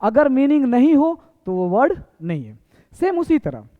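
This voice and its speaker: This man has a very high voice with huge pitch swings, speaking at normal speed. Teaching a basic English lesson, he goes over things repeatedly and quizzes with rhetorical questions; the recording is echoey and tinny, like a phone in a hall.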